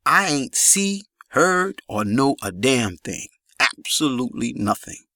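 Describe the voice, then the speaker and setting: A man's voice: mid-range voice, big pitch swings, takes it slowly, sharp tone, no room sound, clean studio sound, full character voice. A man voicing a frightened young woman who stammers in shock.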